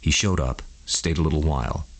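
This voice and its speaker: A man narrates a scripted bedtime story for adults at a brisk pace. His voice is extremely low and husky with a rough edge, and he reads the prose out to listeners.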